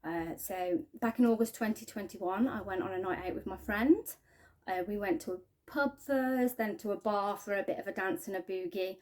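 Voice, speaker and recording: A woman tells her own story straight to camera in a mellow, warm voice. She speaks haltingly and earnestly, often trailing off into quiet restarts. Her pitch sits in an ordinary middle range for a woman. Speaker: spiking victim sharing her story. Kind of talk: personal testimony to camera.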